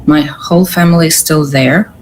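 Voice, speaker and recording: A woman with a Ukrainian accent, a curator answering interview questions earnestly, pausing and restarting often. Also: low-pitched, fairly even intonation, darkish tone, a little hiss or hum, poor audio. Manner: earnest, halting with pauses and restarts. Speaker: guest, curator.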